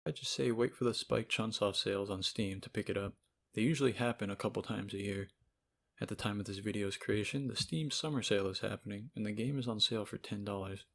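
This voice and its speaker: Fairly quick and creaky, with a voice on the low side, a male game reviewer offers casual video essay commentary. He's opinionated, informal, sarcastic, and profane, and the audio comes from a cheap microphone.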